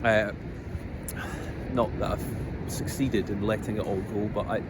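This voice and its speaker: A middle-aged man with a Scottish accent, talking slowly and earnestly in a reflective personal monologue, pausing often with ums as he gathers his thoughts. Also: lowish voice, little pitch movement. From Scotland. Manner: hesitant, many pauses and ums, earnest. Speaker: vlogger. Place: outdoors on a coast. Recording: outdoor recording with background noise. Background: outdoor noise, passing vehicles.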